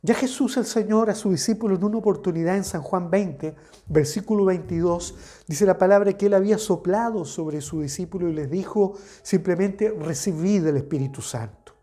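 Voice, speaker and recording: Low, mellow-voiced woman preaching. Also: normal speed. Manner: explains scripture step by step, with rhetorical questions to the listener. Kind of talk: devotional sermon.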